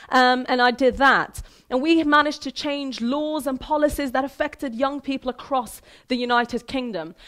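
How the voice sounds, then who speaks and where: Lively high-voiced woman speaker on stage. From Iran, raised in Sweden. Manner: lively, conversational, asks the audience questions. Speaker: keynote speaker. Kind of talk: motivational talk. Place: theater stage with a large audience hall. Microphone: headset mic.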